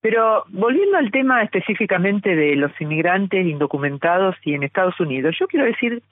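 This guest, a middle-aged Argentine psychologist and journalist, argues fluently in a phone interview with her Argentine Spanish accent. She talks briskly in a sing-song, medium-pitched voice; the recording is dry, with the tinny quality of a telephone.

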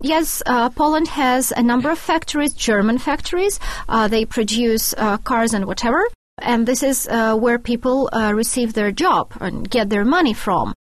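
A woman offers measured analysis as a studio guest. Her voice sits somewhat high and is recorded dry, with little room sound, as she reasons aloud with hesitant pauses. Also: no echo. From Greece. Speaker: studio guest, independent researcher and author. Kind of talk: unscripted analytical discussion.

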